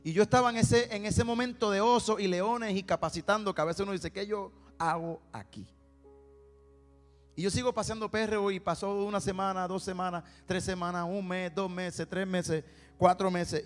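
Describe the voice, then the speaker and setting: A man with a Puerto Rican accent preaching a sermon as a personal testimony, telling his story and acting out the dialogue. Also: high-pitched. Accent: Puerto Rican Spanish. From Puerto Rico. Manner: storytelling, acts out dialogue, repeats words for emphasis. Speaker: preacher and singer. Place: church sanctuary. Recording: long hall reverb with faint music.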